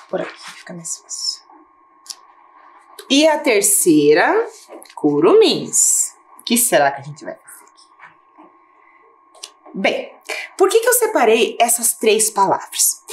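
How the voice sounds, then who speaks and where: Lively Brazilian woman teaching children. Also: a little high, a little hiss or hum. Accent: Brazilian Portuguese. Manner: patient, rising question-and-answer tone, slows to spell out syllables. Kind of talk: recorded lesson for schoolchildren.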